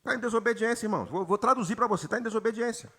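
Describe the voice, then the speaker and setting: Man, pastor from Brazil, sermon, very bright tone, high voice, emphatic. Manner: preaches with rising emphasis, addresses the congregation often; reads scripture slowly and has the congregation repeat words. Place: church retreat gathering.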